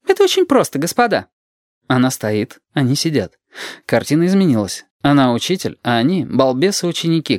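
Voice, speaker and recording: A man narrating an audiobook in a measured, ironic storytelling manner. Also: medium pitch, no room sound, clean studio sound. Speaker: audiobook reader.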